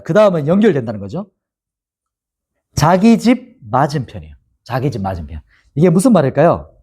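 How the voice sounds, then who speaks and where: A man's voice: a little high, mellow. A male pastor teaching a Bible lesson, asking his listeners questions and answering them himself. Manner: asks the audience questions and answers them, acts out quoted mockery.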